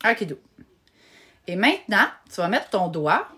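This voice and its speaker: A woman teaching young children to read letters, talking slowly and patiently and praising often. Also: mid-range voice, big pitch swings, pushed and bright. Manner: slow and patient, spelling out letters with frequent praise. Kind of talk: slow, encouraging children's reading lesson.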